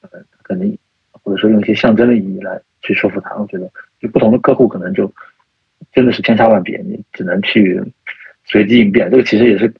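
A man's voice: on the low side, steady tone, quick pace, husky, dry recording. A man speaking as a podcast guest, thinking aloud with many fillers and restarts. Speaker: guest, type researcher. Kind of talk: casual podcast conversation. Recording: dull lo-fi sound.

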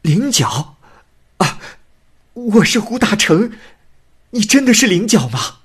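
A man's voice: lowish voice, big pitch swings, a little slow, a bit bright, breathy edge, heavily acted. A man doing a lonely, tearful young man. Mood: astonished. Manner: choked, emotional.

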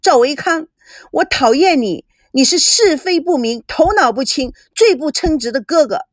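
Woman doing a bratty storybook sister: high, loud, sarcastic, very lively pitch, dry close sound. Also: measured pace, dry recording, exaggerated voice. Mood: angry. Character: young woman, spoiled sharp-tongued younger sister.

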